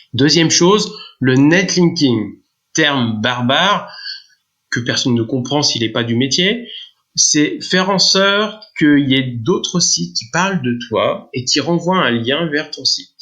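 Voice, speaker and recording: A man's voice: medium pitch, bright, forceful tone. A man explaining his work in a casual podcast interview, with many fillers and restarts. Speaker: guest, SEO consultant.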